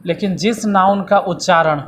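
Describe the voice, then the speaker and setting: A man's voice: sits high, moderate pace, fairly bright tone, slight background noise. A man teaching English grammar in a classroom lesson, repeating points and asking and answering his own questions.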